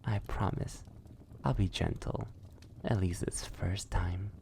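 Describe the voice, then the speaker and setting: A man plays a sadistic, possessive vampire centuries old in an intimate ASMR roleplay, his low, gravelly voice steady, slow, and heavily acted. Silky and menacing, he often sinks toward a whisper, sounding predatory and coaxing.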